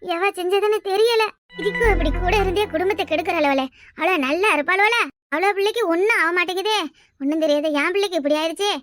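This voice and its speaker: Wailing cartoon mom with a Tirunelveli Tamil accent, super high voice, quick accusing talk, woman voicing her. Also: fairly bright tone, no room sound, faint music behind. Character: angry grieving mother, sister-in-law.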